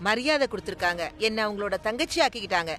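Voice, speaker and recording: A woman's voice: mid-range voice, lively intonation, rapid-fire, fairly bright tone, faint music behind, natural voice. An actress dubbing a fierce, outspoken woman who confronts a schemer in a TV serial drama. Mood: earnest. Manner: accusing, sarcastic. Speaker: household member, once a maid. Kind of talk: dubbed TV serial acting.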